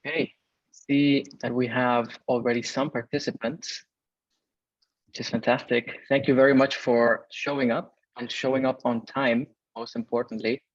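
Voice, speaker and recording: Speaking from a home or office room in Berlin, the webinar host is a man from Venezuela in his thirties who reads viewers' chat messages aloud in a chatty, filler-heavy way. He has a mid-range voice with little pitch variation and normal speed; the video call sound is dull, dry, and free of room sound.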